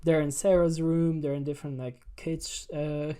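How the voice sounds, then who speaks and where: A man's voice: fairly high pitch, little pitch movement, normal speed, mellow, clear, resonant tone. A man hosting a casual gaming chat, retelling scenes in a rambling, sweary way, full of "like" and "you know". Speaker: podcast host.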